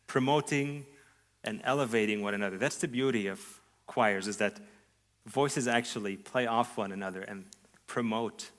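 A grown man preaches a sermon in a mid-range voice, earnest and deliberate. As a pastor, he sweeps his voice upward on key phrases and lets each sentence trail off softly at the close.

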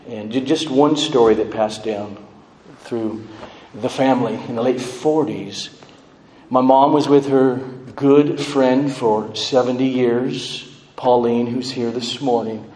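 A middle-aged American man giving a tender eulogy for his mother, speaking in a measured, halting way with pauses. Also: mid-range voice, darkish tone. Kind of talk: eulogy speech at a memorial service. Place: large echoing room at a funeral service. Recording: echoey hall, faint background noise.

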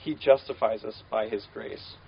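A man's voice: lowish voice, normal speed, vocal fry, breathy edge, muffled recording. A man preaching a conversational sermon, casual and full of fillers, repeating key phrases.

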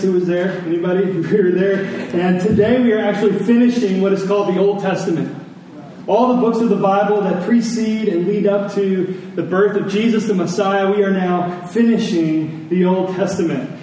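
A man whose voice sits high with a dark tone preaches a Sunday sermon to the congregation. He teaches conversationally, using repetition and rhetorical questions, captured by a distant mic in an echoey room with faint noise.

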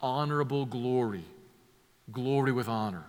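Man, sermon preacher, emphatic, shifts between hushed and loud, long reverb. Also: mid-range voice, normal speed. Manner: emphatic, builds from soft to loud with vivid imagery.

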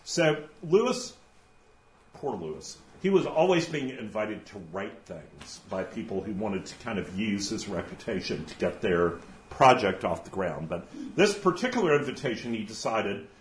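A man giving an informal lecture in an animated, digressive way, often laughing at his own asides. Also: fairly low pitch, moderate pace. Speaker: teacher. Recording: roomy echo with faint ambience.

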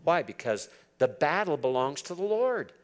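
With a slightly high, sing-song voice at normal speed, a septuagenarian preacher reads verses aloud and unpacks their meaning. His sermon is earnest, alternating between reading and explanation.

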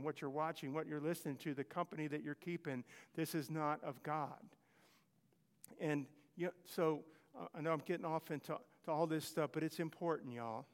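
Earnest man preaching in a hall. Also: on the high side. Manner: earnest, repetitive, conversational preaching. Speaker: pastor. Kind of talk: sermon. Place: church sanctuary.

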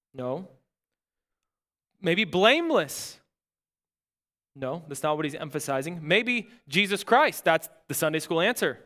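High-voiced man preaching earnestly. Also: fairly bright tone. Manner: earnest, emphatic preaching with dramatic pauses; asks the congregation questions and answers them. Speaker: pastor. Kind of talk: sermon.

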